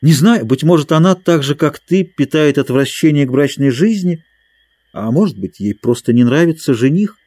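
Male reader as timid young girl in boy's disguise, gentle, earnest, raised pitch. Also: animated, normal speed, no echo, clean studio sound.

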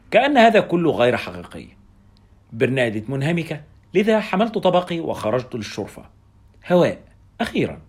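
Brisk, husky male storyteller. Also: medium pitch. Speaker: narrator. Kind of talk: first-person audiobook narration.

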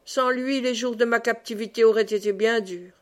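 A woman's voice: on the high side, fairly even intonation, moderate pace, lightly acted. A woman reading the lines of an earnest young male nobleman in an audiobook.

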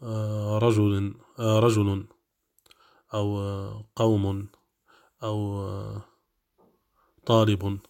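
Teaching an Arabic grammar lesson, this man works through each step, stretching out his fillers and often making sure students keep up. He speaks at a fairly low pitch in a monotone that is creaky yet a little mellow.

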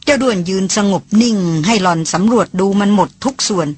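A woman narrating a novel in an audiobook reading, in an even storytelling manner. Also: mid-range voice, brisk, slightly rough, no room sound.

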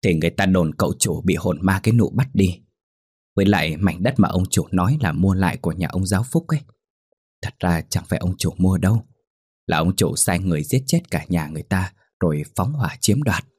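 A man voicing a blunt, scornful old female servant who scolds loudly. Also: sits low, lively intonation, a little fast, breathy edge, dry recording, studio quality.

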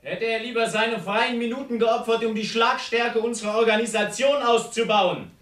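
A harsh, scornful militant heckling a gathering in a period film. His voice is very high and bright, heard from far off in a roomy hall. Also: normal speed.

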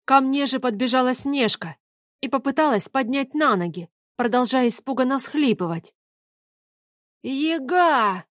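A woman narrating a fantasy audiobook in a slow, dramatic manner. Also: high-pitched, no room sound, studio quality.

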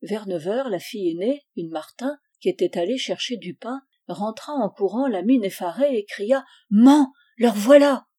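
A woman reads a nineteenth-century short story in a steady, measured audiobook style. Her voice is mellow and low in brightness. The pitch sits in an ordinary middle range. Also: breathy edge. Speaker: reader. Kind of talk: literary audiobook narration.

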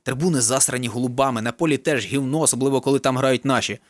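A man reading a novel aloud in a wry, deadpan manner, with casual swearing. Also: mid-range voice, fast talker, no echo. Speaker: reader. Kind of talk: audiobook narration of a novel.

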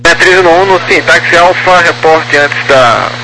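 A man's voice: on the high side, measured pace. A Brazilian man working as an air traffic controller, giving clipped instructions in radio phraseology over a crackly transmission.

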